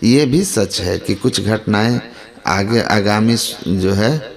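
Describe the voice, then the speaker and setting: Slow, measured male spiritual teacher. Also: lowish voice. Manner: measured, explanatory, drawn-out phrases. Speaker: spiritual teacher answering questions. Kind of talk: spiritual discourse, explaining calmly.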